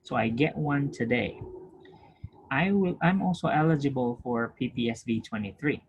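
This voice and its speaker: This nursing instructor, a man with a mid-pitched voice and a moderate pace, lectures over screen share in a patient, repetitive way, often asking questions to check that students understand. He clears his throat often and restarts sentences. The recording is rough, with a light hiss.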